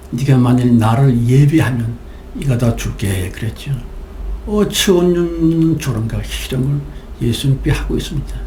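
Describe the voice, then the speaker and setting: Gravelly-voiced male pastor preaching. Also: medium pitch, dark tone, reverberant, slight background noise. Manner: storytelling preacher, acting out quoted dialogue. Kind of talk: sermon. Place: church.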